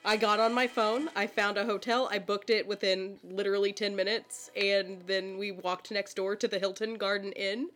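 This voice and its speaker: Woman, congested, podcast co-host, wry jokes, mid-pitched, faint music underneath. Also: flat delivery, normal speed, few pauses, a bit bright. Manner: wry, joking asides. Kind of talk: casual chat.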